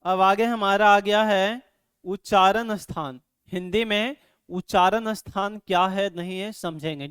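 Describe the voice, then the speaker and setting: A man teaching an online grammar lesson, asking his students questions over and over and loudly sounding out syllables for them to repeat. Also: high voice, smooth, no room sound, studio quality. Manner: repeats "ठीक है" and quizzes students constantly; drills syllables aloud, louder on examples. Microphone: microphone.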